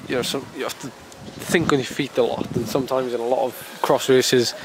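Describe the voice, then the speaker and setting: A male cycling vlogger from the UK talks casually to camera, rambling with many fillers and restarts. He is ill and sounds slightly congested, speaking in a steady mid-range voice at normal speed, with faint background noise.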